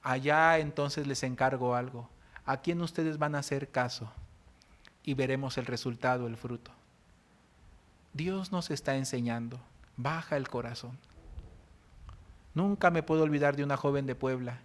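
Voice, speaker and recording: A man with a Mexican Spanish accent preaching a sermon, telling stories and moving between loud outbursts and soft, low speech. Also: moderate pace, long pauses. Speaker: pastor. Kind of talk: sermon with storytelling. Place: church.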